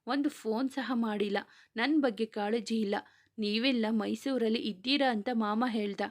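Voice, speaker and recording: A woman's voice: a little high, moderate pace, natural voice. A woman voicing a hurt young woman who tearfully reproaches her family, in a read-aloud romance story. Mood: reproachful. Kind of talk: reading a serialized romance novel aloud.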